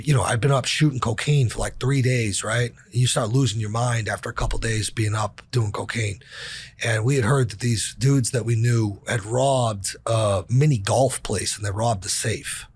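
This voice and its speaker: A man's voice: medium pitch, breathy edge. A man talking as a podcast guest, telling a personal story in a blunt, profane, casual way with lots of fillers.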